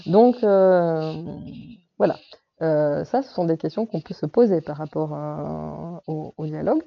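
A woman's voice: deep voice, a little slow, gravelly, lo-fi sound. A woman novelist giving a casual talk on writing craft to a group, hesitant and full of fillers and restarts. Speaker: novelist speaking to a workshop group.

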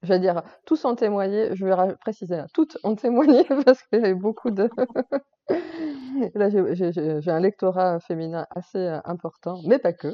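A woman's voice: mid-range voice, moderate pace. Giggly chatty woman, muffled stream sound. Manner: chatty, laughs often, many fillers. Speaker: author hosting a live chat. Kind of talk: casual chat.

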